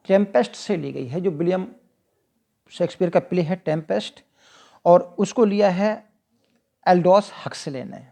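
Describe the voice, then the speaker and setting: A teacher with an Indian accent explaining exam questions. The teacher reads each English question slowly, asks it back to the listener and then answers it. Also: mid-range voice, vocal fry, mellow, dull audio. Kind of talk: explaining multiple-choice questions.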